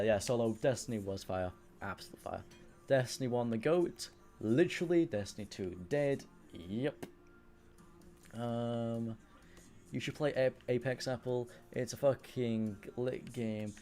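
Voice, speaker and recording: Warm and low-key, this young Welsh live streamer, whose accent shows English influence, keeps up a rambling, casual stream chat. He drops the odd casual swear and responds to messages from his chat.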